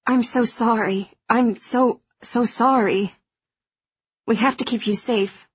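Husky, determined young woman, dry sound. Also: on the high side, fairly even intonation, slow, no room sound, muffled recording, heavily acted. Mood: reassuring, urgent. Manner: urgent, firm, reassuring. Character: fierce, protective young female hacker aboard a spaceship. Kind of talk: dramatized audiobook acting.

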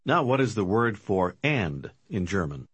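As narrator of a language course, a man gives scripted instructions with clear, measured prompting. His voice is lowish with big swings in pitch, recorded dry in a studio without echo.

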